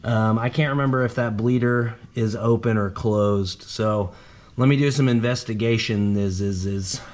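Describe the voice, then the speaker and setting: A man's voice: on the low side, normal speed, a little mellow, slight background noise. A man hosting his garage channel, rambling casually and joking at himself as he works on a car. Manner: rambling, self-deprecating, talks while wrenching. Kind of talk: casual work-along narration. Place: home garage, at and under a car.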